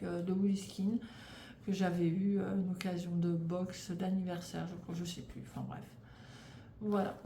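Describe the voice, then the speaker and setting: A woman's voice: medium pitch, warm tone. A French woman in her thirties chatting casually about knitting, rambling and stumbling over her words with lots of fillers and restarts. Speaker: knitting vlogger. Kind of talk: casual chat. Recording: echoey room, faint background noise.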